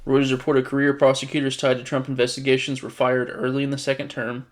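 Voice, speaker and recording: A man's voice: medium pitch, monotone, quick pace. A man giving casual political commentary, reading news items aloud and reacting with exasperated sarcasm, often restarting his sentences.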